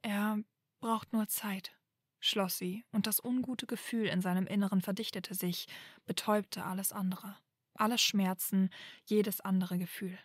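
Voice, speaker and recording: A woman narrating a fan fiction audiobook in a calm, measured way. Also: mid-range voice, slightly rough, no room sound, clean studio sound.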